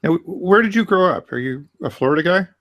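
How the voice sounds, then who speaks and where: A man's voice: sits high, animated, brisk, a bit bright. A man hosting a webinar interview over a video call, asking questions in a hesitant way with repeated words. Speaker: webinar host.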